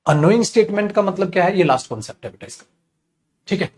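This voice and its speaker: A man's voice: sits high, lively intonation, fast talker, a little mellow, slight background noise. A man teaching an English grammar class in Hindi, calling students "beta" and acting out angry scolding examples. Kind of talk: live online grammar class.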